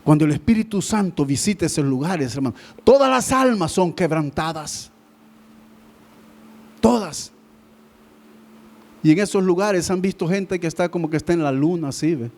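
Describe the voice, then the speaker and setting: A man preaching a sermon in a fairly high voice. He keeps speaking straight to the congregation, climbing to loud appeals, then sinking into quiet, low asides. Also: lively intonation, normal speed, pauses often. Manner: keeps addressing listeners as brother, swings between loud and hushed. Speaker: pastor.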